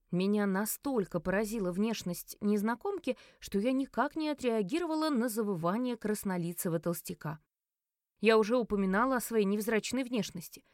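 Expressive woman reading a novel aloud. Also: mid-range voice, no echo, clean studio sound. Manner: expressive, lively reading with sharp, commanding quoted lines. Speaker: audiobook narrator. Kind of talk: first-person novel narration.

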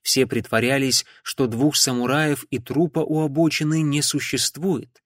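A man reading an audiobook in a measured, dramatic way. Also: mid-range voice, steady tone, a bit bright, no echo, clean studio sound. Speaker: audiobook narrator. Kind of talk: audiobook narration.

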